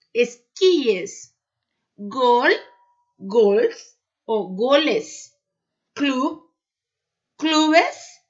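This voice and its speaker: A Brazilian woman teaching a Spanish class, who stretches out example words and keeps checking in with quick tag questions. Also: a little high. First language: Portuguese. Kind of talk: recorded online class. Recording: dull lo-fi sound.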